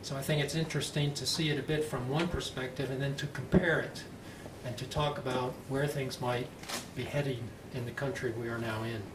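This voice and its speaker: A man with an American accent speaking slowly and clearly as he moderates a public panel discussion. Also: mid-range voice, steady tone. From United States. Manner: slow, clearly enunciated, deliberate delivery. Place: conference panel room, indoors. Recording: echoey, noisy room, distant mic.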